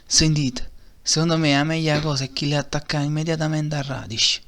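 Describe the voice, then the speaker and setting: A man's voice: a little high, little pitch movement, brisk, lightly acted. A man voicing an earnest young martial-arts hero with a Neapolitan accent in an amateur anime parody dub. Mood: urgent.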